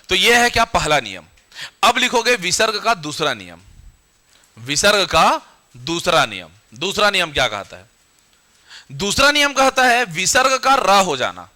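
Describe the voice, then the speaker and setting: Bright-toned man teaching a class. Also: high-pitched. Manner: quizzing students with call-and-response questions; slows to dictate rules. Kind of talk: classroom grammar lecture.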